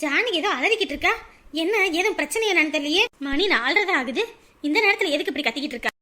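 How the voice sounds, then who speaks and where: A woman's voice: very high voice, expressive, fast, sharp tone, full character voice. A woman voicing a nosy mother-in-law muttering to herself in puzzlement. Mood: puzzled. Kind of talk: dramatic story voice acting.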